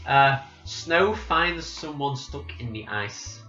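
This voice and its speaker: A man recapping a game's plot from memory in casual chat, rambling and halting, with lots of restarts. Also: medium pitch, animated, sharp tone, faint music behind. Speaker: podcast host. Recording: roomy, slightly dull home recording.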